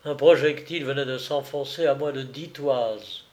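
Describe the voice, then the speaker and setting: A man reading an adventure novel aloud as narrator, in a slow, measured way. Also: mid-range voice, darkish tone.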